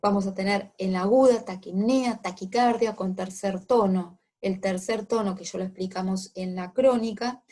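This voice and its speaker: Female lecturer, mid-range voice, measured teaching delivery with hesitations and "eh" fillers. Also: medium pitch, mellow. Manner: explanatory, with frequent "eh" fillers and check-ins. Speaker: medical lecturer. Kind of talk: recorded medical lecture.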